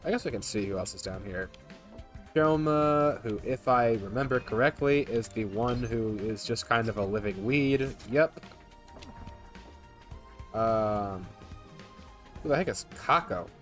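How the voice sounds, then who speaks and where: A man's voice: mid-range voice, measured pace, pauses often. Guy doing a chill playthrough, reads the game text out and jokes around, bit of music behind him. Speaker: game streamer. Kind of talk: casual playthrough commentary, reading game text aloud.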